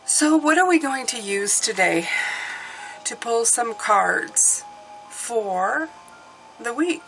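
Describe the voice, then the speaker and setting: A woman giving a casual mystical horoscope card reading as a tarot reader, musing and pausing as she thinks aloud, indoors at a table. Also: fairly high pitch, expressive, low-quality recording. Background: soft classical music.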